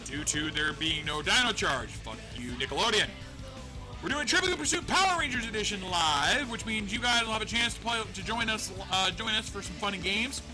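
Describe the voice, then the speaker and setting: With music playing in the background, a man hosts a live stream in a brisk, animated, high-pitched voice. The chat is casual and rambling, and he makes fun of himself, laughing a lot and swearing at times.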